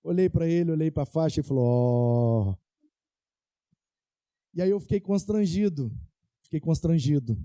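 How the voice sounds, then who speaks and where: Animated young Brazilian pastor telling stories. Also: male voice, a little high, brisk, no room sound. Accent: Brazilian Portuguese. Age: young adult. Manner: animated anecdotes, playful, acts out quoted dialogue. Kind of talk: storytelling sermon.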